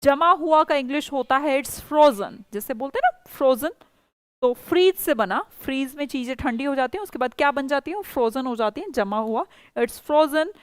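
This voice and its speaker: A woman teaching a spoken English class, explaining patiently and saying example sentences slowly. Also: high voice, lively intonation, no room sound. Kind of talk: online class teaching, mixing Hindi and English.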